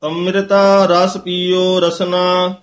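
High, slow male reciter in an echoey room. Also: completely flat delivery. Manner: slow measured chant-like reading. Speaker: student reciter. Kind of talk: scripture recitation lesson.

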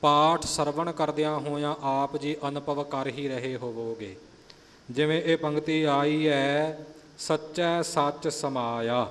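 Give me a patient male teacher explaining pronunciation in a slightly high voice, with long reverb. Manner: patient, careful, demonstrates each phrase. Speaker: recitation teacher.

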